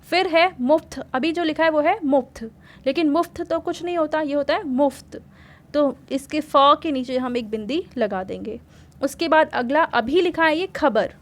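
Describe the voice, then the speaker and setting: A woman with a high voice teaches a worksheet lesson to young children. She goes patiently step by step and keeps asking her pupils simple questions as she explains. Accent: Hindi.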